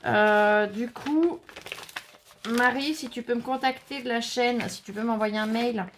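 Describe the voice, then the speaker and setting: A woman's voice: a little high, a little slow, a little hiss or hum. A woman hosting a casual crafting tutorial, chatting to viewers with many fillers and asides while she works. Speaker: craft channel host.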